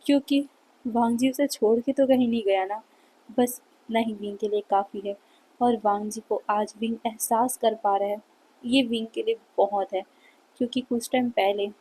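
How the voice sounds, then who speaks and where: A woman's voice: a little high, dark tone, slightly rough, poor audio. A woman narrating a fan fiction story in a casual storytelling way. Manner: plain storytelling, casual mixed English words.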